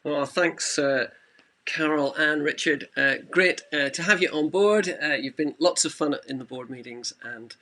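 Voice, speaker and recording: A man's voice: on the high side, measured pace, sharp tone. A man hosting a charity live stream, thanking the guests in a friendly way. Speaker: charity presenter.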